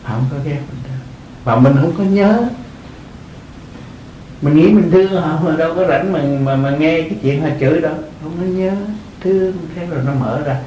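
Older monk. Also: male voice, a little high, moderate pace, dark tone, reverberant, dull audio, slight background noise. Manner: earnest, repeats phrases, chuckles often. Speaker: Buddhist monk teaching. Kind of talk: dharma talk to lay followers.

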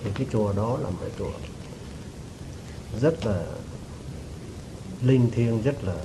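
Man, devotee telling his own story, hesitant, restarts, clears throat a lot, noisy recording, rain behind. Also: lowish voice, measured pace. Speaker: devotee giving testimony. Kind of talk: telling a personal story to a teacher.

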